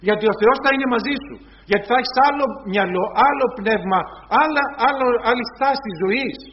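A man's voice: extremely high pitch, muffled recording. A man preaching a sermon, retelling scenes in quoted voices and calling his listeners brothers.

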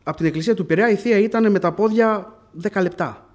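A man preaching a sermon, telling testimony to the congregation and calling them brothers, rising into fervent prayer. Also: high-pitched.

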